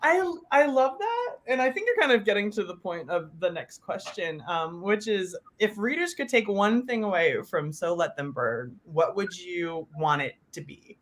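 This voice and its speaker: A woman panelist asking questions at a virtual book event, eager and warm-hearted, heard over a video call. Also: lowish voice, lively intonation, normal speed, hardly any pauses.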